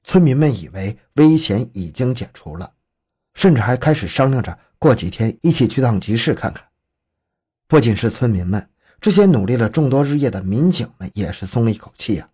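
A man's voice: medium pitch, expressive, fairly quick, dark tone, husky. A man narrating a scripted true crime story in a dramatic, suspenseful storytelling manner.

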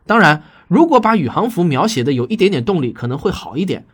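A podcast host who also writes science fiction explains things to listeners in a conversational, emphatic monologue. His voice is a little high, sing-song and husky, and he talks quickly.

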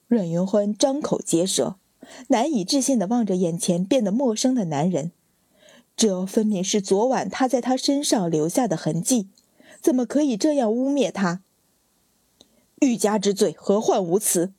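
A woman narrates an audiobook story with an even, storytelling delivery. Her voice is mellow and soft, slightly husky, and it is heard up close and dry. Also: medium pitch, moderate pace, no room sound. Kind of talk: audiobook narration of a palace drama.

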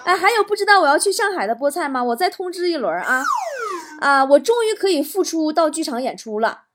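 Woman, comedy host, very animated pitch, teasing, chatty, laughing as she reads jokes. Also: fast, background noise. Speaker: talk show host. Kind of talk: comic monologue reading listener jokes.

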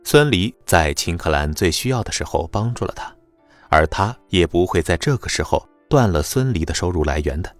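A man narrating a web novel audiobook in a lively, dramatic storytelling manner. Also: deep voice, normal speed, no echo, faint music behind.

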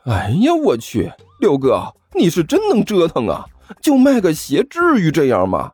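A man voicing an excitable young male street vendor who talks high and fast and stammers. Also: husky, dry recording, full character voice. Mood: mocking.

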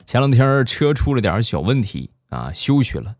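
A young man hosting a show, telling funny stories in a lively, chuckling manner. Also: medium pitch, moderate pace, faint music behind. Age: young adult. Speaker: host. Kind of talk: comedic storytelling monologue.

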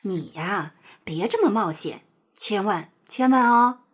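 A woman's voice: on the high side, animated, normal speed, husky. A woman voicing an anxious, fussy old hen in a children's storybook, talking in a fretful, pleading way.

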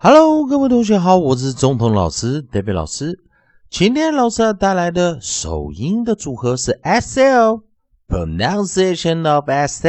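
A man teaching English pronunciation in a scripted phonics lesson, explaining in Chinese and slowly repeating sounds in drills. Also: no echo. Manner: very lively pitch, drawn-out syllables.

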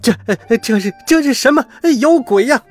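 A man voicing a burly, hot-tempered bald bully who barks gruff threats in a storybook. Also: very high-pitched, expressive, moderate pace, music in the background, pitched above the performer's own voice. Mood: panicked. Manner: gruff threats, then panicked yelling.

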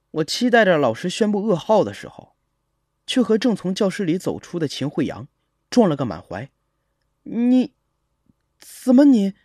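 A man narrating a horror audio story in a tense, expressive way. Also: sits high, husky, dry recording, studio quality. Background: faint music.

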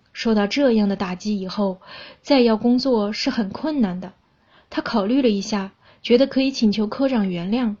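Young woman reading a story, husky. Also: medium pitch, dark tone, dull audio. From China. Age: young adult.

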